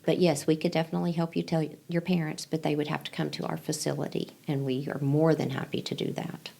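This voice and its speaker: A woman, a pregnancy client advocate answering interview questions in a gentle, reassuring way, repeating key phrases. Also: deep voice, flat delivery, fast, vocal fry. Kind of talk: interview answers, counseling talk.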